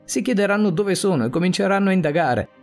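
A man's voice: high-pitched, expressive, fast talker, a little mellow, faint music behind, voice pushed up. A man voicing a desperate male police officer trapped in a coffin, urgent and defiant, in a read-aloud story.

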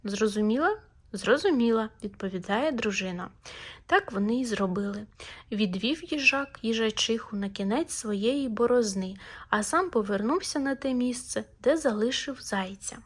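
A woman narrating a children's fairy tale audiobook in a lively, expressive storytelling manner. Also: on the high side, normal speed, breathy edge.

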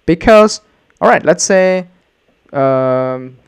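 A man's voice: on the high side, animated, very slow, smooth. Rambling man giving reaction commentary. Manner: rambling, with many restarts and fillers. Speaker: English teacher.

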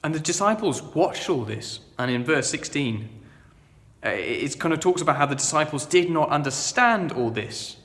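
A man preaching a sermon, earnest and conversational, moving between loud proclaiming and quiet reflection. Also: fairly high pitch, lively intonation, moderate pace, big-room sound. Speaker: vicar. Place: church.

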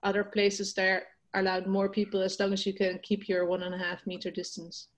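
A woman's voice: mid-range voice, completely flat delivery, brisk. Woman searching for English words. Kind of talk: video call discussion. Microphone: video call.

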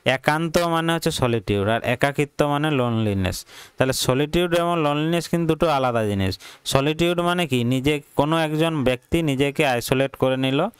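A man's voice: fairly high pitch, moderate pace, clean tone, dry recording. A man teaching a poem as a tutor, speaking hesitantly with many fillers and restarts, mixing English terms into his talk. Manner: mixes English terms into Bengali. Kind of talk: classroom poetry lesson.

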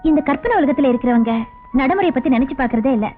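An actress playing a lovesick younger sister who pleads sweetly. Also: female voice, high-pitched, expressive, fast talker. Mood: pleading. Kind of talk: 1980s Tamil film dialogue. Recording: tinny old film soundtrack with faint music.

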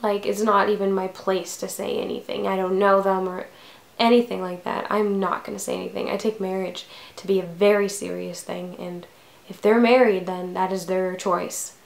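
A young woman in her early twenties chats to her viewers in a loose, rambling vlog, filling gaps with "like" and "um". Her mid-pitched voice has a gravelly, creaky edge. The room around her is noticeably echoey. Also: little pitch movement, moderate pace. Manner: rambling, many "like" and "um" fillers. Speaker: vlogger. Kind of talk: casual vlog talk to camera.

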